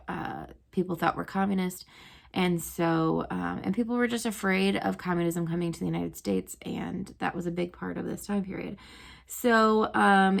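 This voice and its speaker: Chatting with her students, a young female teacher retells history stories in a casual way, peppering her speech with "um" and "like." Her voice is lowish and gravelly.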